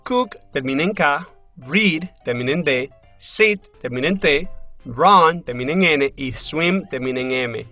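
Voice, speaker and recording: A man's voice: fairly high pitch, bright, forceful tone. A man teaching a grammar lesson in a scripted voice-over, explaining step by step and often asking questions before answering them. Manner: slow, deliberate explaining with rising questions. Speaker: English teacher.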